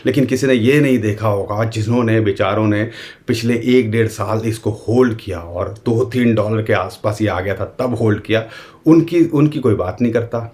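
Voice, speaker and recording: A man's voice: on the low side, moderate pace, a little mellow. A man with an Indian accent giving a casual, conversational market analysis straight to his viewers, speaking as "we". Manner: conversational, addresses viewers directly, uses the royal we. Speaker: crypto market commentator.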